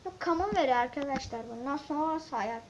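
A woman giving casual let's-play commentary, excitable and grumbling as she talks to viewers and the game. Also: sits high, fairly quick. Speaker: gaming channel host. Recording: dull lo-fi mic with faint hiss and clicks.

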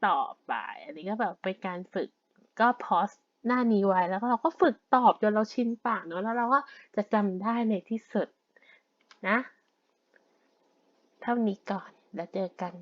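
A woman teaching a language lesson in a relaxed, casual way, explaining words one at a time. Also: medium pitch, moderate pace, no room sound, muffled recording.

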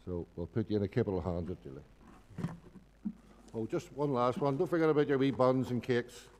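A man's voice: medium pitch, a little fast, darkish tone, a little hiss or hum. A middle-aged man with a Northern Irish accent, giving informal church announcements at a lectern microphone. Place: indoor church hall at a lectern. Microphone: gooseneck lectern microphone. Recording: reverberant church hall.

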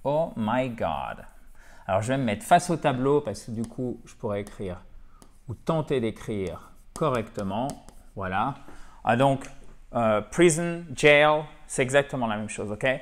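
A man teaching an English lesson in French at a whiteboard, animated, often checking in with his viewers and mixing in English example phrases. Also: mid-range voice, unhurried. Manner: animated, repeats and checks in with "d'accord?" and "ok?". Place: classroom-style room with a whiteboard.

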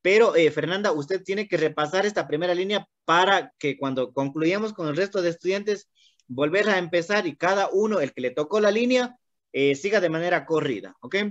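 An English teacher with an Ecuadorian Spanish accent who patiently corrects students and reads English lines slowly, word by word. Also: medium pitch, expressive, dry recording. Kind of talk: online class instruction. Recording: dull, dry, lo-fi.

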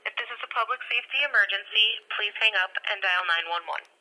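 A recorded automated phone menu greeting heard over a phone line, reading formal instructions in a clear, even, scripted way. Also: mid-range voice, quick pace. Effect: recorded phone menu message heard over a phone line.

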